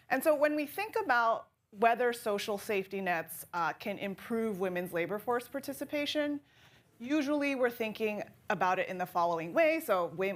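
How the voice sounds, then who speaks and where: Woman presenting her research at a conference. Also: mid-range voice. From Philippines and Japan. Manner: enthusiastic, with fillers and restarts. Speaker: panelist, economics professor. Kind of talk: academic conference talk. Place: conference room.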